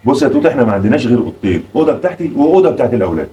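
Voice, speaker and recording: A man's voice: mid-range voice, very animated, mellow, distant mic, lo-fi sound. A man with an Egyptian Arabic accent playing a flustered, placating father in a family comedy sketch. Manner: fast-talking, flustered and placating. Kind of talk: comic home sketch acting.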